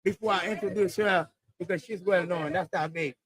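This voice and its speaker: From an outdoor parking lot at the beach, a man hosts a casual live chat with shout-outs, speaking a little fast in a high, fairly bright voice with a steady tone. He repeats his phrases and occasionally shifts into Spanish.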